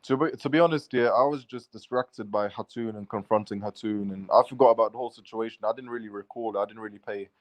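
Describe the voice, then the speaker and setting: A man's voice: fairly low pitch, quick pace, hardly any pauses, no room sound. A man recounting a run-in to his vlog viewers in a casual, swearing, run-on style. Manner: swears freely, restless run-on sentences. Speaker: vlogger. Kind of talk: casual rambling storytelling.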